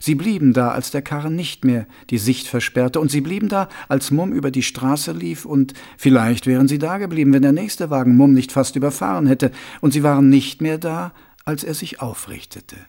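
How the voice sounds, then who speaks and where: A man narrating a novel as an audiobook in a lively storytelling manner. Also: fairly high pitch, moderate pace, vocal fry, hardly any pauses. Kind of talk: scripted narration.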